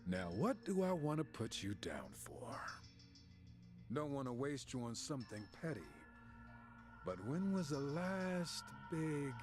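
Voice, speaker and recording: This game dialogue features a man voicing a crooked, sneering cop who taunts and gloats as he frames a suspect in a cutscene. He speaks unhurriedly in a high voice full of big pitch swings, while game music plays behind him.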